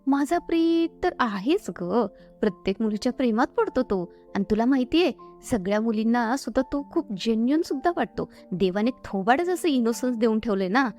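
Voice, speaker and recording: A woman voicing a spoiled, bossy young bride-to-be who shouts and taunts, over faint background music. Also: fairly high pitch, expressive, normal speed, lightly acted. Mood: taunting.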